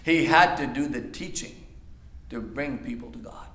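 A man preaching a sermon as pastor, talking straight to his listeners and swinging from hushed, quiet passages to loud, emphatic ones. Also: mid-range voice, moderate pace, slight background noise. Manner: conversational, asks the audience directly. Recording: echoey church room.

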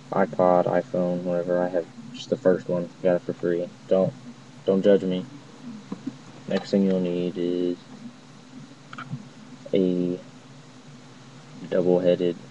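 A young man with a low, flat voice reviews an app in a casual tutorial to camera from a dim, cluttered room at home. He starts on a laptop mic and later switches to a phone headset mic. The lo-fi sound is muffled and noisy, like a distant webcam recording.

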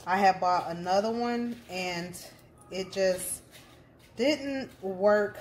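Woman, casual vlog host, chatty and slangy, easygoing slow delivery. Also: mid-range voice, slight background noise. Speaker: crafting channel host.

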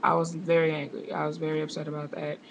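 Young woman rambling to her webcam at home, gravelly low-ish voice, bit of hiss behind, sarcastic asides. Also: completely flat delivery, fast talker, rough recording. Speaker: vlogger. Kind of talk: casual chat to camera. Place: home indoors.

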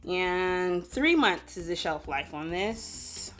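A woman's voice: fairly low pitch, expressive, takes it slowly, a bit bright, faint music behind. A young woman chatting casually at home as she reviews and tries a beauty product, with self-deprecating fillers. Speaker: beauty vlogger.

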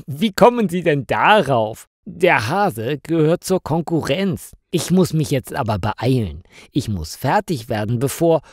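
A man voicing an odd grown man in a rabbit costume who answers calmly and matter-of-factly in a story for learners. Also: a little high, dry recording, studio quality, voice pushed up, full character voice. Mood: unbothered. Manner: calm, matter-of-fact, slightly hurried.

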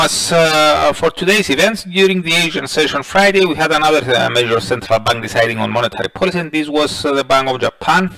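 A middle-aged man presenting a daily market review, reading prepared commentary in a measured way with frequent filler sounds and restarts. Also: medium pitch, creaky, pushed and bright, low-quality recording. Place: voice-over over presentation slides.

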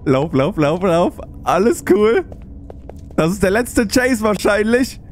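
A man's voice: sits high, big pitch swings, slow. A man doing let's play commentary, chatting himself through puzzles and easily spooked. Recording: voice over game music.

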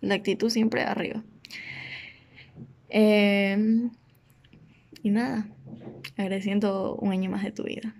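A woman's voice: mid-range voice, little pitch movement, vocal fry, a little mellow. Choked-up woman. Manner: emotional, halting with many fillers. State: tearful, choked up. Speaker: sibling sending birthday wishes. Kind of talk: heartfelt recorded message.

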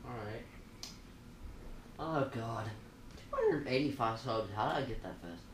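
A man's voice: mid-range voice, wildly swooping pitch, measured pace, a little hiss or hum. Teen male YouTuber host, laid-back rambler chewing gum, roomy echo, mic some distance off. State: chewing gum while talking. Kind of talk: casual Q&A vlog.

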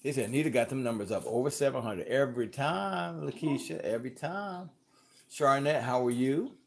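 A gravelly, medium-pitched man at normal speed co-hosts a home cooking livestream from off camera in the kitchen. He chats casually and reads the live chat aloud.

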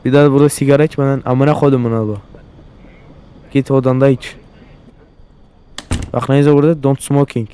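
A man's voice: mid-range voice, steady tone, brisk, long pauses, warm tone, slight background noise. A young man hosting a let's-play, commenting crudely with constant swearing and exasperated outbursts. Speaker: gaming channel host.

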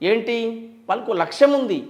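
This interview guest is a man whose very high, darkish-toned voice moves in an animated way at a normal pace. He has a Telangana Telugu accent, and he talks with real passion, stressing points through rhetorical questions and lengthy lists.

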